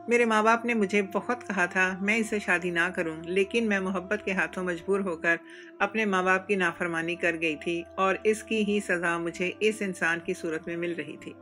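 A woman's voice: medium pitch, fairly even intonation, normal speed, pushed and bright. A woman narrating a first-person story in a scripted, emotional and dramatic way. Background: faint music.

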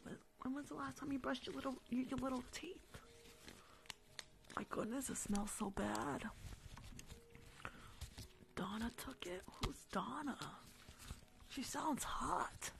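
Indoors in a small room at home, a young adult woman whispers very close to a large tabletop microphone, playing a rude dental worker in an ASMR roleplay, sassy and chiding, repeating short phrases often. Her voice is high, slow and creaky, with frequent pauses and a noisy background.

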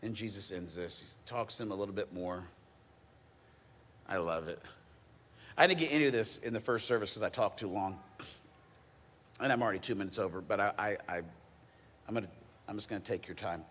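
A man preaching a sermon, swinging from loud emphatic lines to hushed, near-whispered ones, with casual asides while paraphrasing scripture. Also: on the low side, fairly quick, long pauses, slight background noise. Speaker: teaching pastor. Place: church auditorium. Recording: long reverb of a large church hall.

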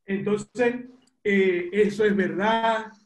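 A man's voice: high voice, fairly even intonation. A Venezuelan man calling in, courteously greeting and reading a passage aloud before asking his question. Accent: Venezuelan Spanish. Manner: courteous, reads aloud quickly. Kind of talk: polite question on a call. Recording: echoey room on a call.

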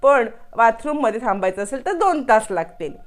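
A woman's voice: a little high, very animated, fairly quick, faint music behind. A woman doing a teasing young woman. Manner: teasing, lecturing. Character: mischievous, lecturing young woman.

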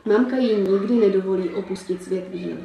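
A woman reading a children's story aloud in a calm, measured way. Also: mid-range voice, creaky, a little hiss or hum. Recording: roomy, distant, faint ambience.

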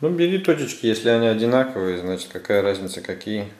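A father behind the camera talks the young kids through a craft activity in a small furnished room at home, casually encouraging and instructing them and frequently asking short check-in questions. He speaks fast, in a lowish, sing-song voice with a darkish tone. The camera mic captures roomy indoor echo.

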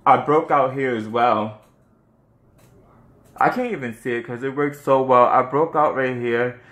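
Medium in pitch, fairly bright and measured, this young man's voice carries a New York accent as he walks viewers through his home skincare routine. He's a chatty vlogger who rambles, restarting sentences with lots of "um" and "like," filmed close up in a small room whose bare walls create a clear echo.

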